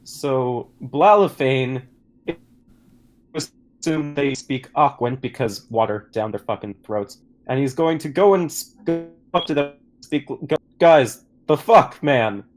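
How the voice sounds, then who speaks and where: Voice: mid-range voice, a little slow, darkish tone, soft background music, poor audio. A tabletop game player chatting casually, swearing freely.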